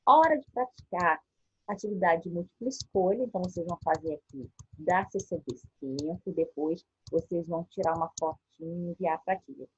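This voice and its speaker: Husky-voiced Brazilian woman teacher, patient and step by step, on a dull lo-fi home recording. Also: fairly low pitch, brisk. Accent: Brazilian Portuguese. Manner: patient, explains step by step with frequent "tá?" check-ins. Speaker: primary school teacher. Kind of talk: recorded remote lesson walking through a workbook.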